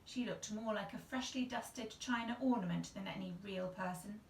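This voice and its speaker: Recorded by a camera a couple of metres off in a small, tiled-looking bathroom, a woman in her thirties reads a children's story as a storyteller. Her mid-range voice moves at a normal speed, and the echoey room adds a slight hiss or hum.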